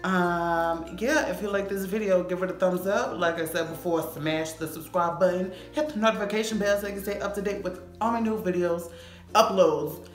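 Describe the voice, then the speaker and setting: Young female vlogger, slightly low voice, sassy and expressive casual delivery, strong room echo. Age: young adult. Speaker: YouTube vlogger. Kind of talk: casual sassy reaction vlog to camera. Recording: echoey room, faint music behind.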